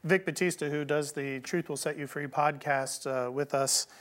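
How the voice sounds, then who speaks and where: A man co-hosts a Bible prophecy TV program, teaching conversationally and with animation while casually voicing the people he quotes. His voice is a little high and his speed normal.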